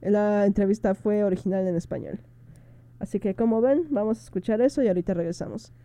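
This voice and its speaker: Woman radio cohost just chatting, mellow smooth voice, relaxed. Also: medium pitch, fairly quick. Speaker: radio co-host. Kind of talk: conversational radio talk.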